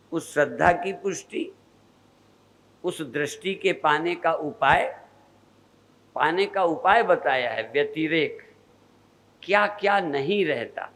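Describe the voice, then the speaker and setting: An older man, a spiritual teacher, preaching a sermon in a measured, repetitive cadence. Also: a little high, a bit bright, poor audio.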